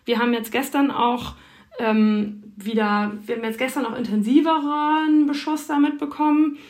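A woman's voice: fairly high pitch, fairly even intonation, moderate pace, darkish tone. A woman correspondent answering interview questions, thoughtful and explanatory, with frequent fillers. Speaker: foreign correspondent.

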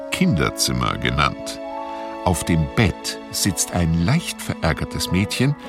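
A mock-solemn narrator for a children's radio play, slow and grand in a documentary tone. The voice is very deep and swings widely in pitch. Music plays clearly beneath. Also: male voice, heavily acted.

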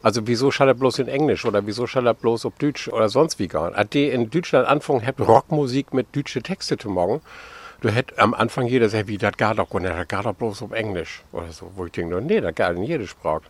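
A man, a guest on a radio talk, answering at length and pausing to find his words. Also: fairly low pitch, dry recording. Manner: hesitant, thinks aloud with fillers. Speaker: guest, actor and writer. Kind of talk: casual radio interview.

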